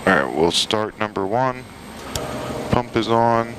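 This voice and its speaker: A man's voice: fairly low pitch, takes it slowly, low-quality recording. A man flying a flight simulator, reading checklists and making pilot radio calls in a procedural, matter-of-fact way. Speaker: flight sim streamer, pilot. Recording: steady aircraft engine noise. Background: simulated turboprop cockpit noise.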